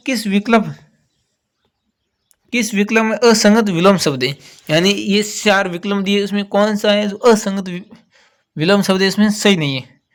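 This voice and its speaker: A man with a notably high voice is working through exam questions like a teacher. He explains patiently and goes back over key words so students catch them. His delivery stays steady and methodical. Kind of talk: exam answer walkthrough.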